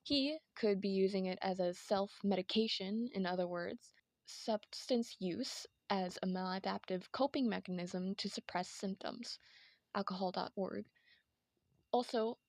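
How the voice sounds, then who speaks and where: A woman with a lisp and a whistling s narrates an informal, partly scripted video essay into the headset mic on her headphones. Her voice is medium-pitched, and the recording is dry.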